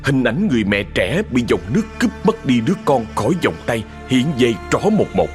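A man narrating a sad ghost story in a slow, dramatic storytelling manner. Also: medium pitch. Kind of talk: scripted horror story narration. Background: music.

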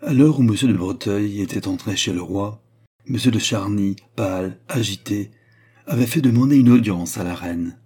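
A man narrating a classic novel as an audiobook, with a measured, expressive reading. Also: lowish voice, breathy edge. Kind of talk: literary narration.

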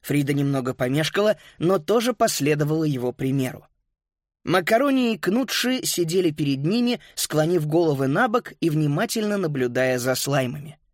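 Man narrating a lively children's audiobook. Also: on the high side, normal speed, dry recording, studio quality. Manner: lively, expressive storytelling.

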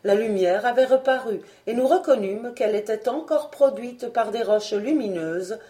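A woman reading an audiobook aloud as scripted narration, measured and expressive. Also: fairly high pitch. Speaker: audiobook reader.

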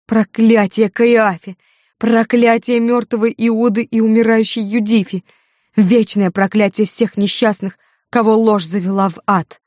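A dying young woman who wails and curses in a high, strained voice, as a woman narrator puts her on. Her outbursts come slow and heavy, dark in tone and set against a dry, close studio sound. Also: no echo. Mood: frenzied. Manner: wailing, high and loud.

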